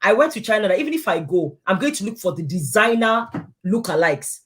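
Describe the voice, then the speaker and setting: A woman's voice: mid-range voice, big pitch swings, a little fast. A woman guest in a casual interview, telling her story and acting out the people she quotes.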